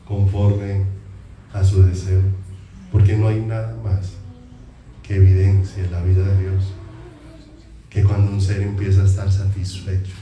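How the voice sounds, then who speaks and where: A man with a Colombian accent preaching a sermon in a church hall, talking in a conversational way and asking the congregation many questions. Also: lowish voice. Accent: Colombian Spanish. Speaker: pastor. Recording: echoey hall, distant mic, noisy.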